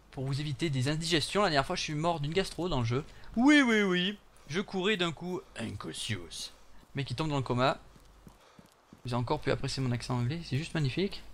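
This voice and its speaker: Young guy talking over his game, slightly high voice, chatty and jokey with viewers. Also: a bit bright. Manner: chatty, joking asides to viewers. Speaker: gaming channel host. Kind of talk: live gameplay commentary.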